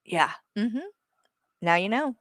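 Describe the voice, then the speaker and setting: A woman's voice: mid-range voice, lively intonation, slow pace, a bit bright, no echo. A woman giving casual reaction commentary in a sarcastic, mocking way.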